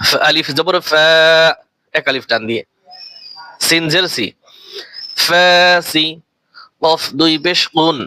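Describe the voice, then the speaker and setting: A man with a high, bright voice teaches Quran reading at an unhurried pace. He spells out each letter and vowel mark, then draws the whole word out in a long chant. He repeats his main points as questions to the learner, recorded close and dry. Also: dry recording, low-quality recording. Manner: drawn-out sung recitation of each word.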